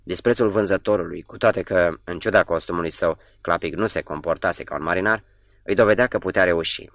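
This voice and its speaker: A man reading a novel aloud as an audiobook narrator, in a measured, steady delivery. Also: low voice, no echo, clean studio sound.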